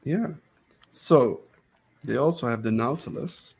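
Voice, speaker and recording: A man with a gravelly, creaky voice hosts a casual live stream over a video call. He talks loosely, repeating himself and restarting phrases as he goes, at an ordinary pitch. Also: a little slow, darkish tone, a little hiss or hum. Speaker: show host.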